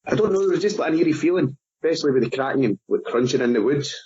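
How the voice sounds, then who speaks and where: A man's voice: fairly high pitch, animated, racing, warm tone, breathy edge. A man with a Scottish accent, a podcast guest talking hesitantly and unsurely, trailing off as he goes. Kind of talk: casual call-in chat. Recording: muffled lo-fi remote audio.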